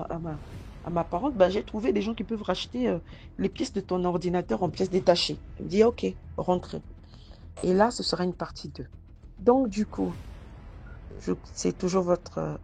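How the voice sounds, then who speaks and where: Low gravelly woman telling her own story. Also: warm tone. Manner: hesitant, repeats words and restarts often. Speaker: storyteller recounting a personal mystical experience. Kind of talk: casual spoken first-person storytelling.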